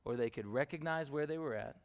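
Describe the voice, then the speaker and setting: A man preaching in an easy, conversational way, mid-pitched voice, drifting into personal stories and tossing questions out to the congregation. he talks with plenty of fillers, like chatting with the room from the pulpit. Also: brisk. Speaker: pastor. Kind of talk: sermon with personal storytelling.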